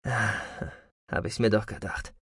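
A man's voice: on the high side, lively intonation, normal speed, fairly bright tone, no echo, clean studio sound, voice pushed up. A man reading an audiobook, voicing a ruthless, cold male alien mutineer leader who talks curtly and with contempt. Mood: satisfied. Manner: curt, commanding, contemptuous. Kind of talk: audiobook character voice.

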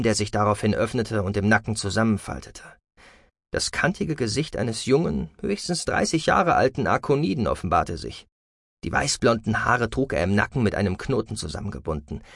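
A man reading a science fiction audiobook as narrator, expressive and voicing every character. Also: medium pitch, creaky, dry recording, studio quality. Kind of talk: scripted narration.

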